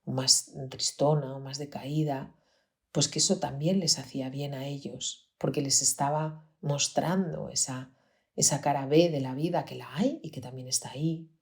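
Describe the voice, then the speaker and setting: A woman with a Peninsular Spanish accent and a strikingly low, deep voice, hosting a podcast. She tells a personal story in an earnest, reflective way. She often sinks to a near-whisper. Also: fairly even intonation, normal speed. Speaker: podcast host, pediatrician.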